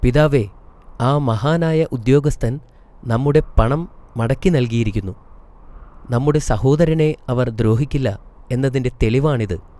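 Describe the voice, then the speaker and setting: A man's voice: mid-range voice, unhurried, pauses often, mellow, lightly acted. A man voicing a group of adult brothers in a cartoon story, speaking in a pleading way.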